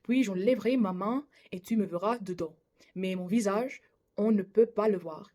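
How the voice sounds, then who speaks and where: A woman reading a Bible chapter aloud in French, her English accent clear throughout. Her delivery is careful and measured, catching on a word now and then before going on. Her pitch sits in an ordinary middle range. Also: mellow. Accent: English-speaking accent in French. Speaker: Bible reader, channel host.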